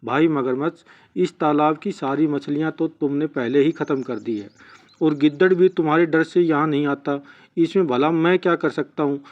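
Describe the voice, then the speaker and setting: A small storybook earthworm speaks earnestly to his big friend, voiced by a male narrator. The tone is a touch high. The sound is dull and lo-fi. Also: moderate pace, close to an everyday voice. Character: sly little earthworm, crocodile's loyal friend. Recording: dull lo-fi recording.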